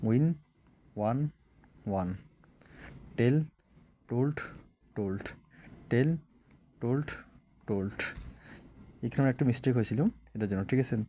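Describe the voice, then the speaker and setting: A man's voice: medium pitch, measured pace, long pauses, warm tone. Man chanting verb drills. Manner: repetitive chanting of word lists, frequent "all right?" checks. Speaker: English teacher. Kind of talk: classroom lesson, drilling verb forms aloud.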